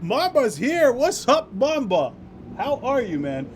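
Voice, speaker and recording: This male streamer's voice sits extremely high and swings wildly in pitch, though he talks at a slow pace. In relaxed live-stream chat during a game, he jokes with his audience and keeps interrupting himself, over a noticeably noisy backdrop.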